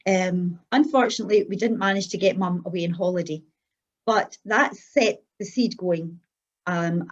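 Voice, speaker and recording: A middle-aged or older Scottish woman giving an unscripted personal testimony as a guest, speaking in an earnest, halting, anecdotal way. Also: medium pitch, muffled recording.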